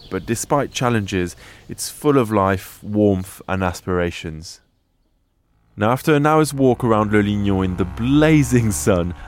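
Enthusiastic low-voiced travel host. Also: male voice, slight background noise. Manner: enthusiastic, descriptive. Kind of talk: travel presenting. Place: outdoors.

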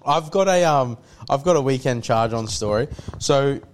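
A young man with a clean, smooth voice. He tells stories casually, in a laddish way full of slang and swearing. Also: mid-range voice, expressive, normal speed. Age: young adult. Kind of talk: casual chat, storytelling.

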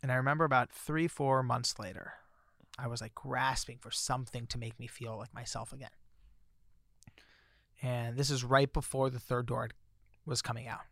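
A man's voice: medium pitch, moderate pace, long pauses, dry recording, studio quality. A man telling a personal story as a guest author, in a casual chatty way with lots of fillers. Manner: chatty, many fillers, grows excited when recounting surprises.

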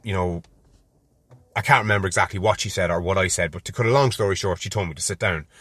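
A man's voice: on the low side, a bit bright, dry recording, clean studio sound. An Irish man in his thirties telling a personal story in a casual, rambling, wry way with a lot of swearing.

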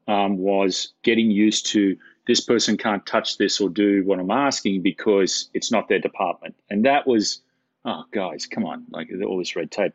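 A man's voice: on the low side, no room sound. A middle-aged man, a camera operator, telling stories in a casual interview, rambling and repeating words with self-deprecating humor. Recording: dull, dry, lo-fi sound.

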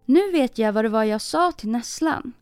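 A woman's voice: fairly high pitch, lively intonation, clean tone, dry recording, soft background music, close to an everyday voice. A woman voicing a proud, harsh false bride in a storybook reading, speaking sharply. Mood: defensive. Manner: sharp, scolding.

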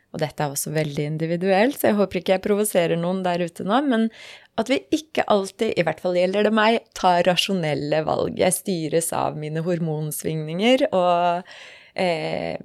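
A woman hosting a relaxed podcast conversation, chatty, with personal asides and easy laughs. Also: fairly low pitch. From Norway. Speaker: podcast host.

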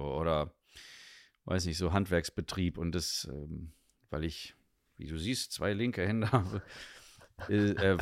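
A man's voice: on the low side, no echo, clean studio sound. A young man from northern Germany, a guest chatting casually in an interview, rambling with many fillers.

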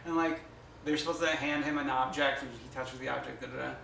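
A man's voice: mid-range voice, steady tone, vocal fry, pushed and bright, reverberant, slight background noise. A man co-hosting a podcast, chatting casually and gossiping eagerly about reality TV. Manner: gossipy, chatty, quick asides. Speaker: podcast co-host. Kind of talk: casual chat.

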